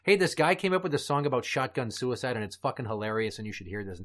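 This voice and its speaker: A man's voice: mid-range voice, very animated, quick pace. A man hosting a comedy podcast, chatting casually and telling crude, morbid jokes. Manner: dark crude joking, storytelling. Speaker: podcast host.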